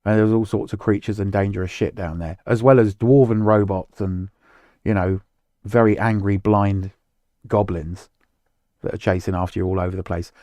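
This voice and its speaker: A man's voice: fairly low pitch, fairly even intonation, moderate pace, warm tone, dry recording. A man co-hosting a casual chat about video games, rambling and losing his words mid-sentence. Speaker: podcast co-host.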